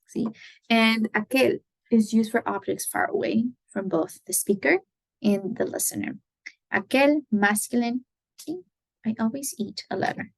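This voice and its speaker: Woman, Spanish teacher, gravelly voice, dry close sound, slow examples, checks understanding. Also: on the high side, no echo, rough recording. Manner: slow, careful model sentences, frequent "right?" checks. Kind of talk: explaining grammar.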